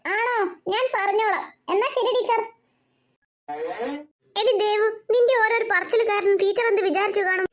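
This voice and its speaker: A woman's voice: very high voice, fairly even intonation, normal speed, long pauses, a bit bright. A woman voicing a patient cartoon mother who coaxes and questions her children. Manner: coaxing, questioning. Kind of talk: cartoon voice acting.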